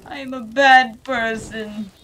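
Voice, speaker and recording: A man's voice: very high voice, steady tone, slow pace, sharp tone, exaggerated voice. A man voicing an apologetic video game hero in an amateur skit, whiny and melodramatic. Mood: pleading, sorry. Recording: noisy home recording with clicks.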